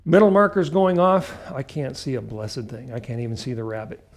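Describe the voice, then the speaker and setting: A man's voice: mid-range voice, steady tone, normal speed. A man giving an instructional talk as a flight instructor, explaining step by step in short, emphatic, clipped phrases. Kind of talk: instructional talk with acted radio call examples.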